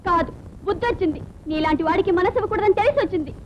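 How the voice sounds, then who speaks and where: A woman's voice: very high-pitched, a little hiss or hum. An actress playing a spirited young woman in love who sulks and answers back sharply in an old film dialogue scene. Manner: quick, pouting, sharp retorts. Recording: dull lo-fi film soundtrack with music.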